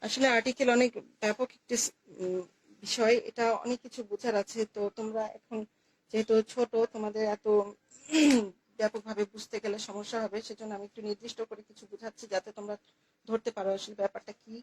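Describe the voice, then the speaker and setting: A woman's voice: a little high, level tone, a little fast, slight background noise, poor audio. A woman teaching English grammar to young students, patiently repeating key words and answering her own questions. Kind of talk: classroom lesson explaining articles.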